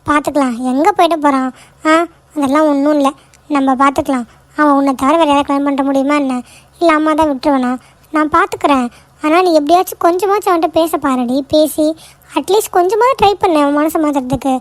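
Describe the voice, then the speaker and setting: A woman's voice: high-pitched, brisk, no echo, natural voice. A woman voicing a middle-aged cartoon mother who scolds and coaxes her daughter. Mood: coaxing. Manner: scolding, coaxing, teasing. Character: middle-aged mother, nagging but caring. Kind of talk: cartoon voice acting.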